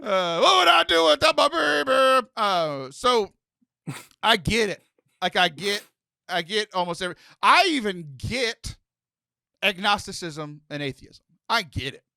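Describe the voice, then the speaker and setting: Animated, bright-voiced male podcast host. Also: high-pitched, unhurried, creaky, dry recording, clean studio sound. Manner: animated, joking, many fillers and restarts. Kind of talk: casual podcast chat.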